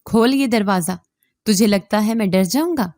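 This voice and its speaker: A woman voicing an abusive middle-aged father who shouts harsh threats in a raised, loud voice. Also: mid-range voice, animated, no room sound, clean studio sound, lightly acted. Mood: furious, threatening.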